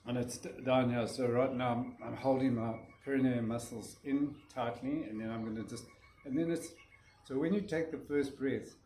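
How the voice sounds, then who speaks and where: A man teaching breathwork speaks at normal speed in a steady, dark, medium-pitched voice while casually demonstrating a breathing exercise. He rambles, restarts sentences often, and yawns, with roomy echo and faint noise around him.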